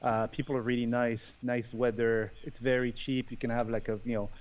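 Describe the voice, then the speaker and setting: A Frenchman guesting on a podcast talks casually over a remote call from his home in Bali, in a medium-pitched, level, brisk and somewhat dark voice. The recording is low quality. He sounds hesitant, fills his speech with fillers and restarts, and laughs often during the interview chat.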